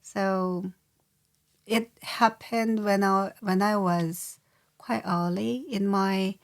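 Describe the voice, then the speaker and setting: An older Korean-accented woman speaks as an interview guest, unhurried and halting, stopping often to search for words. Her voice sits at a middle pitch, and she talks at a slow, careful pace. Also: steady tone. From South Korea. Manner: slow, hesitant, many pauses and fillers. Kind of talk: casual interview.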